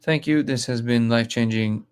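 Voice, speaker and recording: A man's voice: medium pitch, moderate pace, clean tone. A man from Russia hosting a live stream, reading comments aloud and talking bluntly with frequent restarts.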